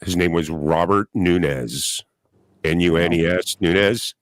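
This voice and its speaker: A man's voice: low-pitched, slow, no room sound, clean studio sound. A man who does open-mic comedy, telling loose stories with swearing and calling people "man". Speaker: panel guest, comedian. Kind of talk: casual chat.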